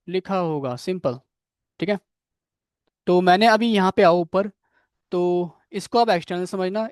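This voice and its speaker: A man's voice: high voice, clear, resonant tone, no room sound, clean studio sound. A man giving a live coding lecture on web development. He often asks his students questions and keeps saying "ठीक है". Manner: admits struggling with a technical word. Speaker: programming instructor.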